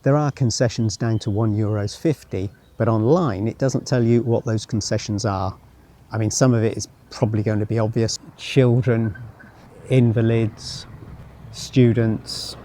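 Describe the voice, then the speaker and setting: His voice is fairly low, mellow and steady, and he's unhurried. He's a travel vlogger strolling outdoors around a former military town, offering unscripted commentary to himself with wry asides and sometimes reading signs out loud.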